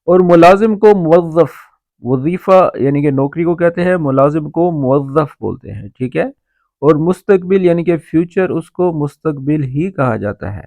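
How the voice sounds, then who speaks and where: A man's voice: a little high, expressive, a little mellow, no echo. A man teaches Arabic words in an online lesson. He explains each word and keeps checking that the viewer follows. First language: Urdu. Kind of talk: vocabulary lesson.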